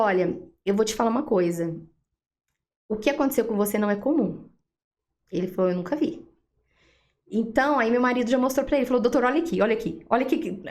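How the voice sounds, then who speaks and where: A woman with a Brazilian Portuguese accent sits as a guest and tells her testimony of faith in a somewhat high voice. She speaks as an animated storyteller. She steps into each line of dialogue she quotes and acts it out. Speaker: interview guest.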